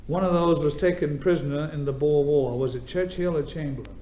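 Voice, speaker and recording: High-voiced joking quiz show host. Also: male voice, brisk, mellow, dull audio. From United States. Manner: breezy, joking banter with contestants. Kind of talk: radio quiz show hosting. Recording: old radio broadcast with music and audience. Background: studio audience and music.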